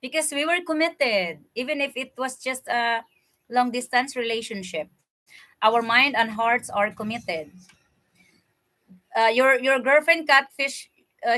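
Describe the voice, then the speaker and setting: Speaking a little slowly, the host's high-leaning voice comes across bright and forceful. She's a Filipino-accented woman from the Philippines who eats and chats casually with her livestream audience, laughing a lot, captured on a computer webcam mic.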